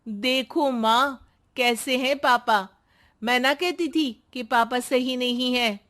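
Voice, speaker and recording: A woman's voice: sits high, takes it slowly, a bit bright. A woman playing a scheming, falsely sweet young daughter in a moral story, with a wheedling way of talking. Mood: sly coaxing. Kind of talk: acted moral story dialogue.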